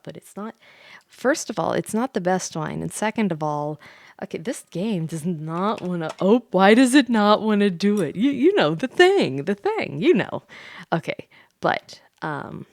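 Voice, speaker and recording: With a voice on the low side and a dry recording, a VTuber livestream host chats casually with her audience. Slightly tipsy after drinking wine, she is playful, giggly and rambling.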